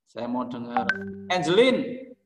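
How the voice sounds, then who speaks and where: Slow and sing-song, a mid-range male voice sounds roomy as this Indonesian music teacher holds an online class. He addresses students by name, repeats what they answer, and explains each term.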